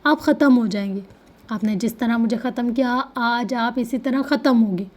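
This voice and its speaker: A woman voicing a bitter, vengeful young woman who shouts and then goes cold and clipped, in a storybook reading. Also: on the high side, natural voice. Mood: furious.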